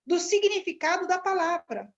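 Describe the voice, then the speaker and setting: A woman with a high voice works through a Bible passage in a study class, with many pauses and restarts. The sound is dull and lo-fi. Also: animated. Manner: searching, halting delivery with restarts. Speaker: class participant.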